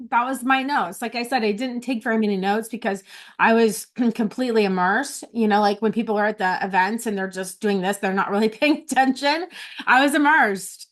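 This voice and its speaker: This middle-aged vlogger talks through what she wrote down at a retreat, her voice pitched a little high. Emotional and near tears, she frequently breaks off and begins her phrases again.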